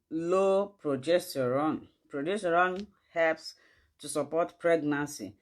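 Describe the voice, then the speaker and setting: An online health teacher with a Nigerian, West African accent runs an informal livestream lesson in a deep voice. She addresses her audience head-on, with emphasis and plenty of rhetorical questions.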